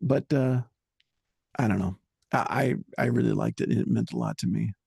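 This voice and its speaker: A man being interviewed as a musician, talking in an earnest, halting way and searching for words. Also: medium pitch, animated, vocal fry, a little mellow, breathy edge, dry recording, studio quality. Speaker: musician guest. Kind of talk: reflective interview talk.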